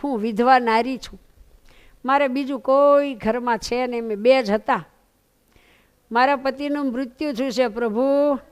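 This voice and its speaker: A woman's voice: high voice, steady tone, unhurried, clean tone. A woman voicing a grieving widowed village woman who pleads tearfully in prayer.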